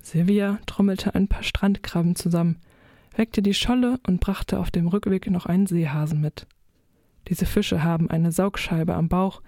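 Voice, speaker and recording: Woman narrating a kids story, mellow warm voice, dry close mic, expressive storytelling. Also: fairly low pitch, no echo. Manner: gentle, expressive storytelling in first person as a fish. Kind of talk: audiobook narration of a children's story.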